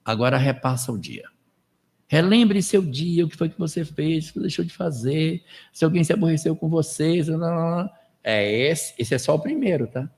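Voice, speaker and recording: A man's voice: a little high, expressive, moderate pace, a little mellow. A man with a Brazilian Portuguese accent giving a spiritist lecture in a conversational way, checking in with tag questions and acting out people's inner thoughts.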